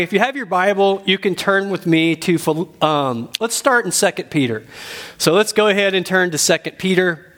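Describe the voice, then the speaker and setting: A man's voice: a little high, fairly bright tone. Man preaching at a pulpit microphone. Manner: earnest, repeats key phrases for emphasis. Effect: speaking at a pulpit microphone. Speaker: pastor. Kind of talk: sermon teaching.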